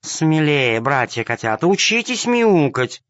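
A man voicing a bold, sharp-tongued lame female cat in a storybook reading, on a dull, dry recording. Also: on the high side, very animated, unhurried, no room sound, voice pushed up. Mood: coaxing. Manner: scolding, teasing.

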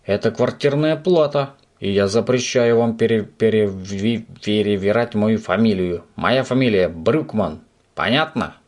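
A man voicing an angry middle-aged landlady who scolds and shouts through a door. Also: lowish voice, unhurried, close to an everyday voice. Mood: furious.

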